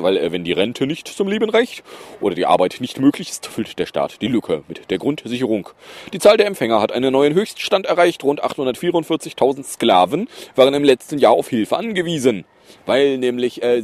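A man's voice: medium pitch, darkish tone. A man hosting a podcast, reading news items and adding sarcastic, mocking asides in a loose, hesitant way. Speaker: podcast host.

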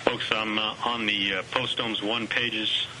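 A man with a fairly low voice runs procedures as a flight controller. His short, technical talk comes over a radio loop with clear noise. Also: little pitch movement, measured pace.

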